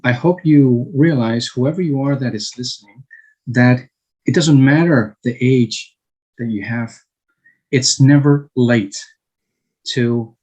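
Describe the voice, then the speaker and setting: Guest in his fifties, from Chile; slow, halting answers, middle pitch. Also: darkish tone, rough recording. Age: 50s. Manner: slow, halting, many fillers and restarts. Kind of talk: interview answers.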